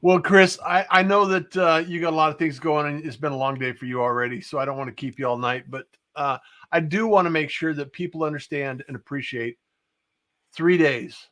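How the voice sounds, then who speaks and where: A man hosting a casual conversation in short, measured phrases with hesitant pauses. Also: a little high, steady tone, bright, forceful tone. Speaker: show host.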